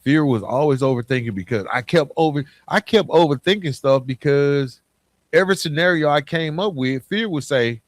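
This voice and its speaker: An American man hosts a podcast, giving an informal motivational monologue that speaks straight to the listener and poses rhetorical questions. His voice is a little high with lively intonation and a moderate pace, recorded with no room sound.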